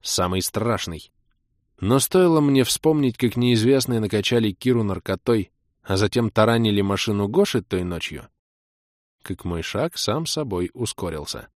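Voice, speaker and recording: Young guy narrating an audiobook, low voice, kinda ironic, dry close mic. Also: lively intonation, normal speed, no echo. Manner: wry, self-ironic storytelling. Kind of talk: first-person audiobook narration.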